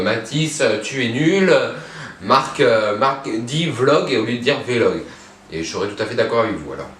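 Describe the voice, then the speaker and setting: A man's voice: medium pitch, slight background noise. Hesitant young man vlogging casually. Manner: hesitant, many fillers and self-corrections. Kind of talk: casual vlog presentation.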